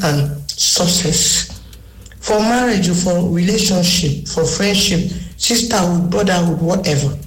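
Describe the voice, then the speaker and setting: Woman caller in a voice note played on air, Nigerian Pidgin accent, roomy echo, storytelling delivery. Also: lowish voice. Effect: recorded voice message played on air. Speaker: radio listener sending a message. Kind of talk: personal story told by phone message.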